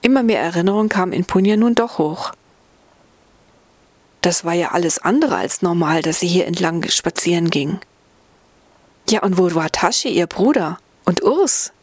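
A woman narrating a fairy-tale audiobook in a gentle storytelling way, lifting her voice slightly for the characters. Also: lively intonation, moderate pace, pauses often, dry recording. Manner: gentle storytelling, voicing characters with small pitch shifts.

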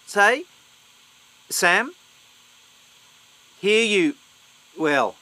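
A man's voice: high-pitched, sing-song, pushed and bright, low-quality recording. Man's voice glitching out on a bad call. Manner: halting, broken-off phrases. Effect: voice glitching and cutting out over a bad call connection. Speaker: caller in a meeting. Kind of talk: scripted listening role-play.

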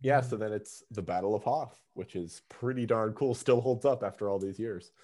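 A man co-hosting a casual movie podcast, enthusiastic and quick to laugh. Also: fairly low pitch. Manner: enthusiastic, animated, laughs often. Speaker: podcast co-host.

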